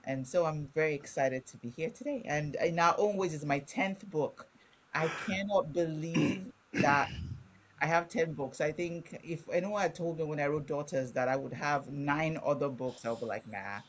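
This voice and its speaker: A middle-aged woman from Ibadan, Nigeria, speaks with a Nigerian accent in a deep voice at a moderate pace. As a guest author in a conversational interview, she talks candidly and explains things casually.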